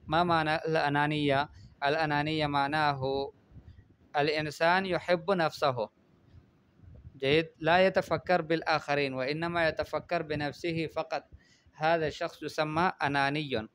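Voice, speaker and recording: A man's voice: on the high side, fairly even intonation, normal speed, a bit bright, smooth. A man teaching Arabic writing in a classroom lesson, explaining patiently, repeating phrases and often checking with "good" and "understood?".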